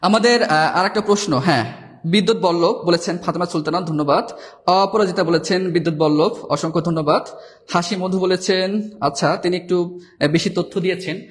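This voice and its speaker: A male teacher giving a live exam-prep lesson, reading out viewers' comments and spelling words slowly. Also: high-pitched. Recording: echoey room.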